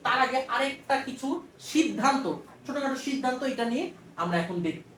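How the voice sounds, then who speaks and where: High-voiced woman teaching physics, roomy echo. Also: animated, quick pace, fairly bright tone, distant mic, slight background noise. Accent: Bangladeshi Bengali. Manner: chatty, repeats phrases, asks and answers her own questions. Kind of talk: casual explanatory lecture.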